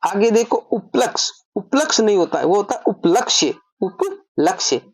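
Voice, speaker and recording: A woman's voice: mid-range voice, a little fast, slightly rough, no room sound. A woman teaching an online grammar lesson, explaining step by step and asking and answering her own questions.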